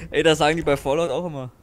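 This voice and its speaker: A man playing an online game with friends, cracking puns and laughing at his own jokes. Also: on the high side. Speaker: let's play gamer. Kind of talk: casual gaming chat.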